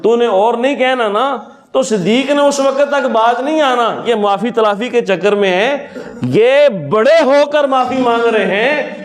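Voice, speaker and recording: A high-pitched male preacher tells a story in sermon style, acting out the dialogue and building to rousing, repeated lines. His voice rings through a reverberant hall. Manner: impassioned, acts out dialogue, builds to rousing repetition. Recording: echoey hall sound.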